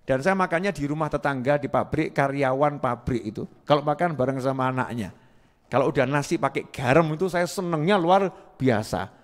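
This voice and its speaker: A man's voice: medium pitch, a little fast, in a large hall. A man preaching a sermon, asking the crowd questions and answering them himself, repeating key words and chanting Arabic phrases.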